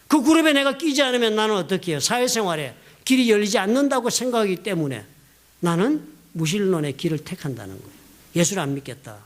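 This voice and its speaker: A middle-aged man from South Korea, a pastor preaching a sermon in a church, telling personal stories with lively emphasis. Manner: storytelling, animated, rising emphatic pitch, quoting others. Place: church sanctuary.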